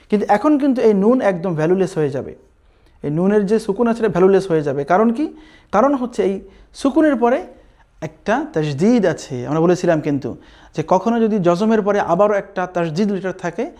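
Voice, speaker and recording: A man's voice: high-pitched, darkish tone. A man with a Bangladeshi Bengali accent teaching Quran recitation, patiently repeating sounds and checking in with his students. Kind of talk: recitation lesson with chanted examples.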